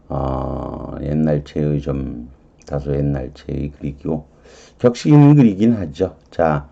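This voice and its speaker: A man teaching English vocabulary and grammar in an online lecture, reading words aloud and explaining each one deliberately. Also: sits low, gravelly, dark tone, lo-fi sound. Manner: slow, deliberate, reads English words aloud then glosses them.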